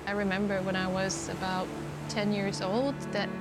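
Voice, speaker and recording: A woman speaks English with earnest enthusiasm at a mid pitch. She talks as a company founder in a documentary interview, with loud music playing underneath. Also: little pitch movement, moderate pace. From Lofoten, Norway. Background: loud background music.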